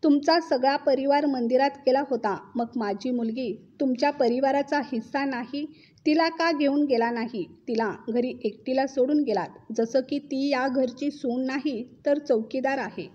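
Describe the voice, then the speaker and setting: A woman's voice: high-pitched, moderate pace, dark tone, highs cut off. A woman voicing a quarrelsome middle-aged mother who accuses and scolds her daughter's in-laws. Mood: accusing.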